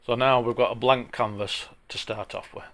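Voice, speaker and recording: A man with a broad Yorkshire accent talking through an informal software tutorial in a plain-spoken, chatty way, with a gravelly voice. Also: mid-range voice, fairly even intonation, moderate pace. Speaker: tutorial presenter.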